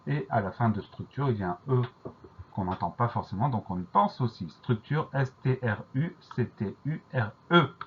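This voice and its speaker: A man teaching a dictation lesson, who explains each word slowly and carefully and spells it out letter by letter. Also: medium pitch, animated, lo-fi sound, a little hiss or hum.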